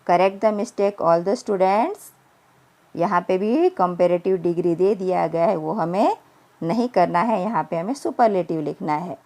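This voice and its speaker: Woman teacher, unhurried, deliberate delivery, spells words letter by letter. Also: lowish voice, darkish tone. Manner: mixes Hindi and English, spells words letter by letter; slow deliberate English phrases, quicker Hindi explanations. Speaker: primary school English teacher. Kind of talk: recorded grammar lesson.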